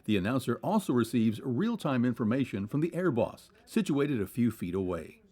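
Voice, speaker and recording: A man's voice: mid-range voice, sing-song, moderate pace, mellow. A man reading scripted documentary narration in a polished, explanatory way.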